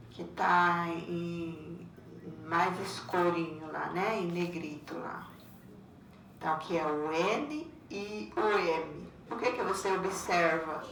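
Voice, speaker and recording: A woman's voice: on the low side, gravelly, fairly bright tone, a little hiss or hum. A Brazilian woman teacher giving a patient video lesson to children, repeating each instruction and often checking with "né?". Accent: Brazilian Portuguese. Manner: patient, repeats instructions, many "né?" tag questions. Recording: roomy echo, far from mic, faint ambience.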